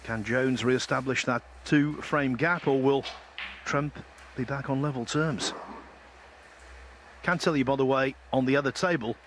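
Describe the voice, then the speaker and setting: A man's voice: mid-range voice, unhurried, long pauses. Articulate male snooker commentator over faint noise. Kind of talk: live sports commentary.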